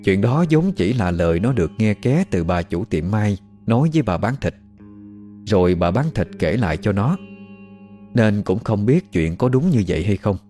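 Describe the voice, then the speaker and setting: A man calmly narrating a scripted ghost story in a steady reading voice. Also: fairly low pitch, moderate pace. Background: soft guitar music.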